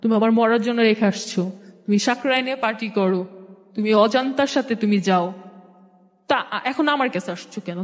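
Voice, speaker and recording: A young adult woman with a Bangladeshi accent and a mid-range, darkish voice tells her own life story as a guest, speaking colloquially and acting out conversations along the way. The audio has long, echoing hall reverb.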